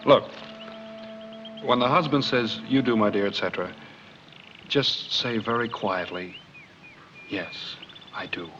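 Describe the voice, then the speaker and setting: Man playing a wry theatre director, mid-pitched voice, faint hiss, dull 1940s sound. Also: a little slow, long pauses, fairly bright tone, close to an everyday voice. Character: theatre director and husband, young adult man.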